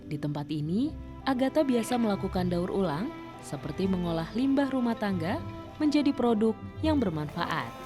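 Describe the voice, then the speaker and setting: Narrator, woman, mid pitch, measured scripted read, music underneath. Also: big pitch swings.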